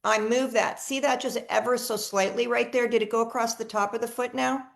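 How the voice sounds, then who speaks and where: Chatty woman healer with a gravelly voice. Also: on the high side, steady tone, fairly quick. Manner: chatty, enthusiastic, repeats and restarts often. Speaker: energy healer. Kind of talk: live online healing session. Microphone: video call.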